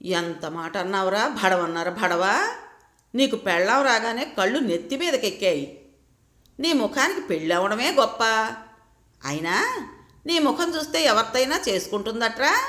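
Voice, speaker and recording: A woman voicing a sharp-tongued old grandmother who scolds loudly without stopping, in a roomy echo. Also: on the high side, big pitch swings, a little slow, pauses often. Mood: scolding. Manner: loud nonstop scolding.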